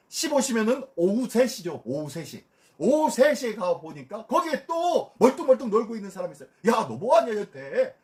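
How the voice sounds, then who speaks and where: A middle-aged male pastor teaching a Bible study, telling a parable, acting out its dialogue and asking the congregation questions. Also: high-pitched.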